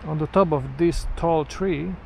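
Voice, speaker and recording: Street traffic can be heard as a middle-aged man, speaking English as a second language, films a casual walking vlog near trees and traffic. He muses slowly and thoughtfully to the camera, restarting often, in a fairly high, gravelly voice.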